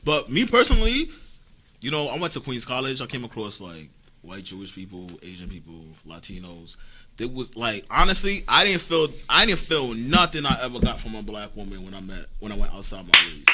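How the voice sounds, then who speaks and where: A man's voice: medium pitch, big pitch swings, fairly quick, pushed and bright. A man on a panel, speaking emphatically and plainly in a casual chat.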